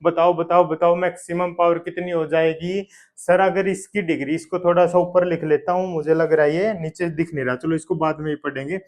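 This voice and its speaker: A man's voice: on the high side, fairly even intonation, a little fast, darkish tone. A man in teaching a math lesson, posing questions and answering them himself as his students, often repeating key terms and praising with "very good". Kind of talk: exam-prep math lesson.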